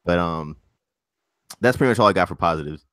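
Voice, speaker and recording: A man's voice: low voice, animated, brisk, a bit bright, smooth, no room sound. A young man co-hosting a casual chat on a voice call, dry and needling, laughing at his friend's claims. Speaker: co-host.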